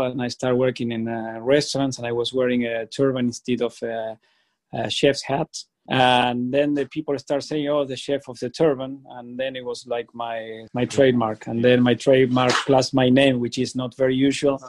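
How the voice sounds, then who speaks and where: Argentine-accented man, halting guest answers. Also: mid-range voice, flat delivery, a little mellow. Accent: Argentine Spanish. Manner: hesitant, halting with many fillers. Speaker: chef, guest. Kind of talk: interview answers.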